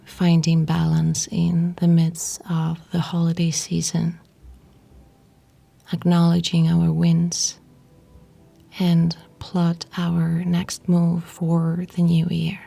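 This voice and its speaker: Soft background music plays as a woman guides a yoga nidra meditation in a lowish, warm, breathy whisper with a husky edge. She is soothing and unhurried, her delivery completely flat, and she pauses between short phrases.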